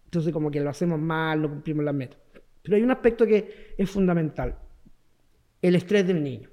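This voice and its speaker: A man's voice: on the high side, brisk, dark tone. A man with a Chilean accent, the guest expert in a broadcast interview, explaining emphatically and repeating key words. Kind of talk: radio and TV interview.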